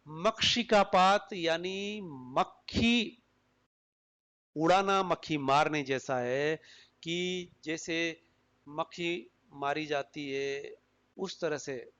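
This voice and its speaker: Male lecturer, fairly high voice, slow and deliberate, explains with examples. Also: a bit bright. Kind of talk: recorded university lecture.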